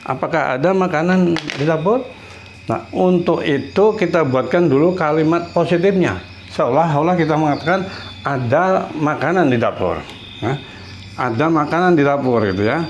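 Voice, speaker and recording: A man teaching a beginner Spanish lesson in a casual, patient way, repeating his examples slowly and clearly. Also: a little high, expressive, highs cut off, slight background noise.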